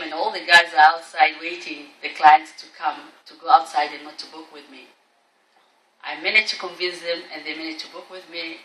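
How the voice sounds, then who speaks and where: A roomy, slightly noisy recording, a little far from the mic, carries a woman's public speech. She has a Tanzanian accent and a bright, forceful voice as she tells her own story to a conference. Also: on the low side. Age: middle-aged. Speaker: conference speaker, tour company owner. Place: conference hall at a trade show. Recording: echoey room, distant, faint noise.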